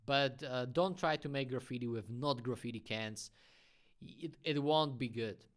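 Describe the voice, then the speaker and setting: With a mid-range voice and a measured pace, a graffiti artist answers questions on a casual livestream. He speaks English as a second language and gives his views candidly, tossing in friendly side comments.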